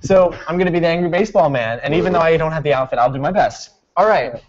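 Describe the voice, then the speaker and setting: A man's voice: fairly high pitch, quick pace. A young man casually introducing a comedy skit to the audience at home, on a dull lo-fi recording. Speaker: student skit performer.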